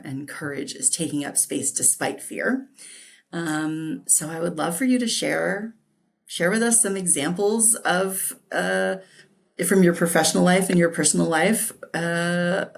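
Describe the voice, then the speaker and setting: Low and creaky, a woman's voice reads a guest introduction on her podcast. Then the host chats casually and effusively in interview style, with lots of fillers and laughs.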